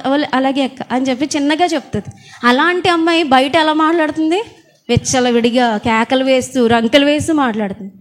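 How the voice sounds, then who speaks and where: A woman preaching a sermon in a church hall, asking her congregation question after question in a quiet, small voice. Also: high-pitched.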